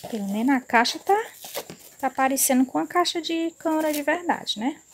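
Woman vlogging from her bed on a phone, excited and chatty, slips into murmurs, bit of faint noise. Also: high voice, moderate pace. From Northeast Brazil. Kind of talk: casual unboxing vlog. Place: indoors, on a bed at home. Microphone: phone camera.

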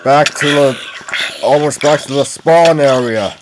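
A man's voice: medium pitch, a little slow, over music. A man giving casual gameplay commentary, rambling and thinking aloud as he plays. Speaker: gamer narrating his own play. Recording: noisy game audio behind voice.

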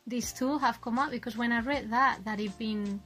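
Fairly high-voiced female co-host, loose hesitant chat, soft music faintly behind. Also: moderate pace, poor audio. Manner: chatty, laughs easily, trailing hesitant phrasing. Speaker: podcast co-host. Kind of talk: casual conversational chat.

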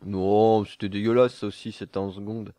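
A man's voice: on the low side, little pitch movement, normal speed, dark tone, no echo. Jokey young man, dry close mic. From southern France. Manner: jokey, laughs at his own jokes, lots of hesitations. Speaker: YouTuber answering viewer questions. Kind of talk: casual solo Q&A to camera.

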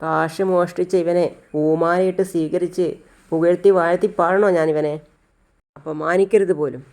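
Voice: mid-range voice, little pitch movement, normal speed, darkish tone, lightly acted. A narrator voicing a harsh middle-aged mother who accuses and scolds insistently. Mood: scolding.

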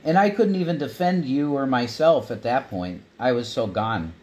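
A man in his thirties rambles indignantly in a small dim room at home, wearing headphones on a phone livestream. His voice is husky and a little breathy, and he swears freely as he goes. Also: mid-range voice, expressive, normal speed, darkish tone. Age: 30s. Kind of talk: casual livestream chat.

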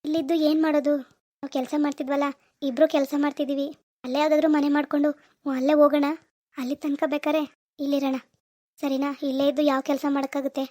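A woman's voice: high voice, flat delivery, quick pace, a little mellow, dry recording, studio quality, lightly acted. A woman voicing a worried, regretful young husband in a cartoon. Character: remorseful young husband Satish.

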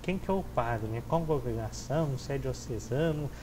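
A man's voice: medium pitch, animated, moderate pace, noisy background. A young man, a priest hosting a religious TV program, greeting viewers and asking questions in a friendly, formal manner on a lapel mic in a studio. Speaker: TV host, priest. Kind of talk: TV interview hosting. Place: TV studio with chapel set.

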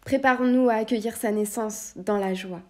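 A woman's voice: fairly high pitch, normal speed, mellow, natural voice. A woman voicing a fussy, theatrical old bearded magician, in a storybook reading. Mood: pleased. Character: bearded old male magician, pottering and pleased with himself.

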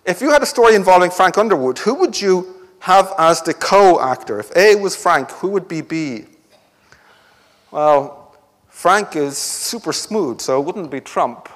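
A man's voice: high voice, sing-song, a little slow, big-room sound. A man giving an academic conference talk with a wry, joking delivery. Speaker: conference speaker. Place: lecture hall.

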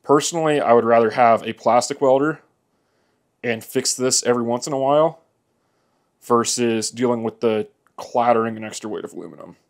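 A man with a mid-range voice speaks fairly quickly as he narrates a plastic welding repair in a workshop. He's a motorcycle repair demonstrator, plainspoken and easygoing, explaining each step while he works.

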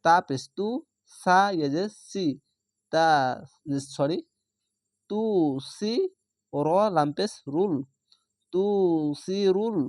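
A Quran reading teacher giving a slow, patient lesson, spelling out syllables one by one and then blending them into words. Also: mid-range voice, no room sound, studio quality. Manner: patient, repeats words slowly for learners.

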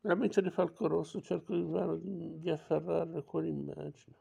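A man narrating an audiobook with a gravelly voice. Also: a little high, level tone, moderate pace, dark tone.

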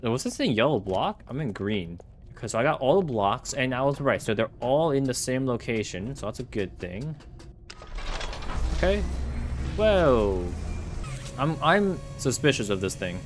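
A young man casually talking through a horror game, reading signs aloud and reacting with startled outbursts. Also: mid-range voice. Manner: chatty, reacts with startled exclamations. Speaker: gaming channel host. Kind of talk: horror game let's play commentary.

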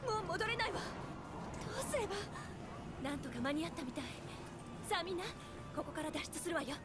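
An actress playing a caring, take-charge young heroine in a video game, with earnest, expressive feminine delivery. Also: female voice, very high voice, brisk. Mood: urgent, then reassuring. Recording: loud game music behind voice.

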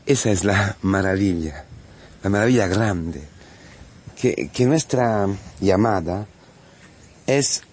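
A man, a priest giving a homily on the day's Gospel, impassioned and repetitive, halting often to restart his phrases. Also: fairly low pitch, expressive, a little mellow, slight background noise. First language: Italian.

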